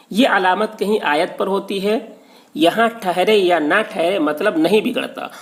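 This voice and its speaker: A man giving a religious lesson on recitation marks, explaining slowly and patiently, repeating key terms and checking in with the listener. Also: high voice, creaky, fairly bright tone. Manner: patient and repetitive, often checks with "okay". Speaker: religious teacher.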